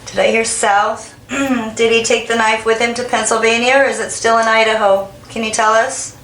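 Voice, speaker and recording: Even-toned woman questioning in an echoey room. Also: a little high, moderate pace. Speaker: spirit box medium asking questions. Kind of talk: slow questioning in a spirit session. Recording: echoey room, faint background noise.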